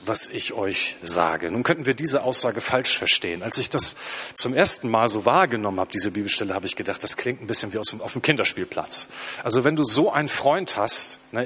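Male preacher, husky voice, emphatic sermon delivery that slows for quoted lines. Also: mid-range voice, bright, forceful tone.

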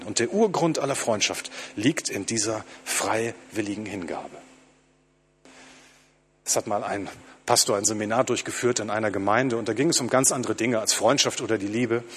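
A man preaching a sermon to his congregation, slowing down to stress quoted lines. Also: lowish voice, a little hiss or hum.

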